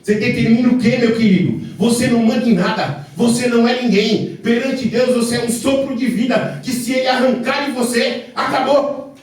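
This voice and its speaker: Preacher with cathedral echo, high voice. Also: male voice, fairly even intonation, normal speed. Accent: Brazilian Portuguese. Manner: fervent preaching, builds to forceful shouting. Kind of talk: sermon. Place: large church hall. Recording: cathedral echo, heavy church reverb from far off.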